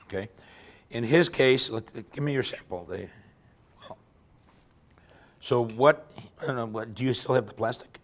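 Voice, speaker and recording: This workshop speaker is a man with a mid-range voice who takes his time, leaving long pauses. He's delivering a relaxed technical lecture in a lecture room with a failing voice, frequently closing points with "okay?" to check in.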